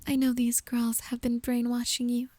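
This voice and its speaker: A woman playing a possessive, manipulative girlfriend in an ASMR role-play, soft and breathy, with a creepy, coaxing, controlling manner. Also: on the high side, monotone, normal speed, no echo. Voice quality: soft, breathy, often soft-spoken. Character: possessive, manipulative yandere girlfriend, sweetly menacing.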